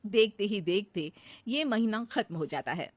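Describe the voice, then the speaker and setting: A woman narrating a children's cartoon story in a lively storytelling manner. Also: medium pitch, moderate pace, dry recording, clean studio sound.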